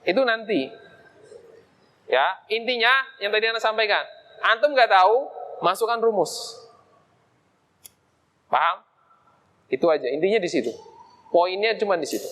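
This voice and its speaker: A man's voice: high voice, lively intonation, moderate pace, long pauses, bright, forceful tone. A man teaching an Arabic grammar lesson in a mosque, explaining casually and asking himself questions aloud as he goes.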